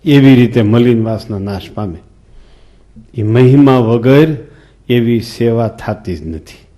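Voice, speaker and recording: A swami delivers a scripture discourse as a sermon, telling folksy stories and putting questions to the hall. His voice is medium-pitched and mellow, and he takes his time.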